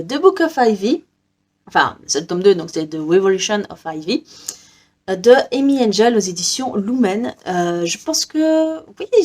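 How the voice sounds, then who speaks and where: A woman's voice: a little high, darkish tone. A young woman from Belgium chatting casually about her reading list, hesitant with many fillers and frequent small laughs. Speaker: book vlogger. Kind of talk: casual book haul chat.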